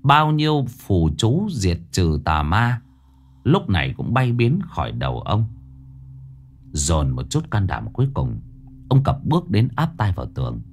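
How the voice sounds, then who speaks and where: A man's voice: on the low side, very animated, measured pace. A man narrating a scripted ghost story in a dramatic, suspenseful way. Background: faint background music.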